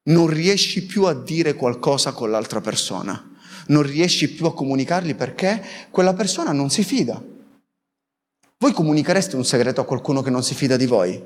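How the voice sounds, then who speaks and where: A man preaching a sermon as pastor, lively and quick to put questions to his congregation. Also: medium pitch, big-room sound.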